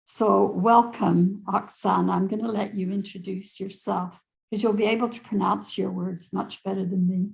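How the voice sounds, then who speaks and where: An older woman on a video call from home, chairing a panel, warm and chatty with self-deprecating asides. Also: medium pitch, steady tone, moderate pace, creaky, rough recording. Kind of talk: moderating a conference panel.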